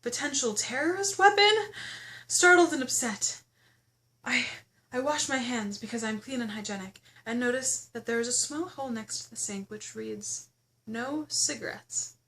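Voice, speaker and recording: A woman reads her own memoir aloud in expressive first-person narration, telling the story in a playful, theatrical, exclamatory way. Her voice is a little high and her speed normal, with slight background noise.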